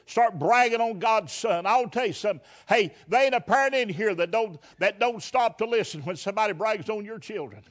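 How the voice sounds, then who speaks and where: A man's voice: high voice, lively intonation, brisk, hardly any pauses. A man preaching a fervent, folksy sermon, firing rhetorical questions and repeating words as he builds.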